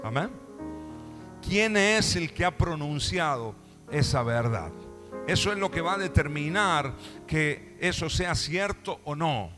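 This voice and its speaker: A man's voice: on the high side, animated, takes it slowly, over music. A male pastor with a Rioplatense Spanish accent, preaching a sermon in a church, emphatic, with call-and-response asides and playful acted-out dialogue. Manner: acts out quoted dialogue, laughing often.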